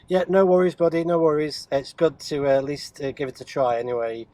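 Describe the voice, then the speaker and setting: A man with a brisk, warm voice on the high side chats unscripted while demonstrating CB radio equipment in his car, hesitating and thinking aloud as a radio hobbyist vlogger. There's no room sound, only faint vehicle noise behind him.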